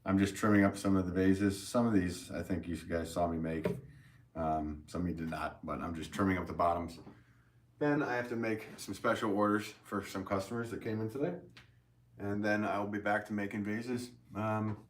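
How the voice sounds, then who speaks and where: A man's voice: low voice, fairly even intonation, moderate pace. An American man hosting a casual livestream as a potter, rambling and chatty as he works and reads out comments. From United States. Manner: rambling, chatty, talking to himself while working.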